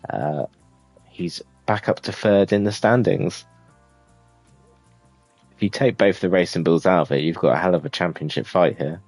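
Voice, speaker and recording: A man with an extremely low, deep voice talks through race standings from his management game. His delivery is relaxed and rambling, full of fillers, recorded dry and close with faint music behind him. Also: moderate pace, long pauses, no echo. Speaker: gamer commentating his own racing management game. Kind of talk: casual let's-play commentary.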